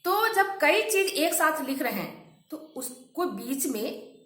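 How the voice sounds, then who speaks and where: A woman teacher giving a grammar lesson to students, explaining step by step and drawing out example sentences slowly. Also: sits high, very animated, a bit bright, roomy sound.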